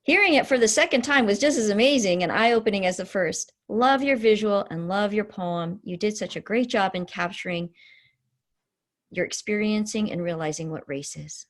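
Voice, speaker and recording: A woman leads a student symposium session on a video call, her tone casual, encouraging, and full of effusive praise. Her voice is medium in pitch and expressive, and she talks at a normal speed.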